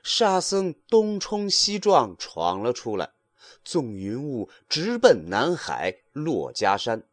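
A man telling a classic tale in an expressive, dramatic way. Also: medium pitch, slow pace, no echo. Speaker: storyteller. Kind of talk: storybook narration.

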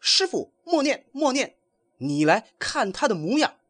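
A man voicing a brash, cocky male monkey king who pleads and boasts in high, strained cries. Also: wildly swooping pitch, unhurried, a bit bright, slightly rough, no room sound, exaggerated voice. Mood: pleading.

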